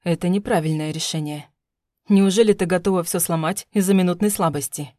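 A woman's voice: lowish voice, a little fast, warm tone, no echo, clean studio sound, lightly acted. A woman reading an audiobook, voicing a controlling, menacing husband who coaxes and threatens. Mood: coaxing, menacing. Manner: smooth, coaxing, then threatening through teeth. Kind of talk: audiobook narration.

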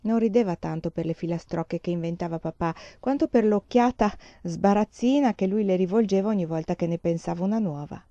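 A woman reading a children's novel aloud in a calm, measured storytelling manner. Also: fairly low pitch, dry recording, highs cut off. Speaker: reader. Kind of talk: audiobook narration.

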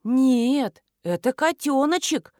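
A woman's voice: high voice, expressive, takes it slowly, warm tone, dry recording, clean studio sound, voice pushed up. A woman reading the lines of a fussy, anxious female housekeeper who panics and coos. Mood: fussing.

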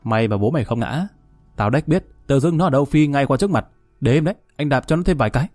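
A man's voice: mid-range voice, expressive, quick pace, a little mellow, no echo, clean studio sound, faint music behind, natural voice. A man voicing a hot-tempered biker in sunglasses who curses and threatens. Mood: furious. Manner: cursing, threatening.

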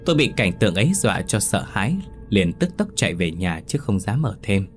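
A man narrating a ghost story in the first person, telling it in a steady, measured way. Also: on the low side, faint music behind.

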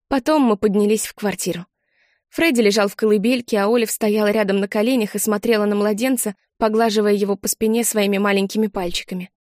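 A woman narrating a first-person story as an audiobook, measured and expressive. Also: mid-range voice, dry recording, studio quality. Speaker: audiobook reader.

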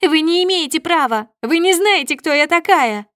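A woman's voice: very high-pitched, lively intonation, moderate pace, a bit bright, dry recording, clean studio sound, pitched above the performer's own voice. A woman voicing a furious, unhinged woman who screams threats, shrieking and hysterical.

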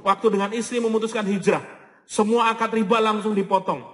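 A man gives a motivational sermon in a high, bright-pitched voice. He tells stories animatedly and acts out quoted lines. His voice carries a long reverb from a large hall. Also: fairly even intonation, a little fast. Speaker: motivational preacher. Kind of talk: motivational talk to an audience.

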